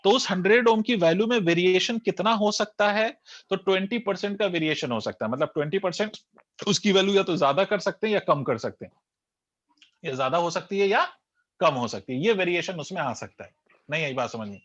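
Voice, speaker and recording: A man's voice: high voice, expressive, brisk, fairly bright tone, no room sound. A male physics teacher, giving a classroom lecture that mixes Hindi and English, quizzing students and repeating key terms. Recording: dull lo-fi dry recording.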